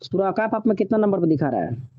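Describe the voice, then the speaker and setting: High-voiced man over a muffled phone line. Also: very animated, fast. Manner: repeatedly checks understanding, asks if he is heard. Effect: voice heard over a phone line. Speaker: religious teacher citing scripture. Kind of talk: phone lesson guiding the listener through verses. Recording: dull lo-fi phone line with faint hiss.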